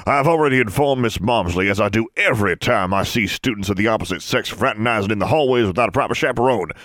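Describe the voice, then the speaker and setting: Fussy old wizard portrait, pinched and nasal, scolding, as a man puts him on; raised, high-strung delivery, dry close recording. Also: a bit bright, dry recording. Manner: prim, indignant, prudish scolding.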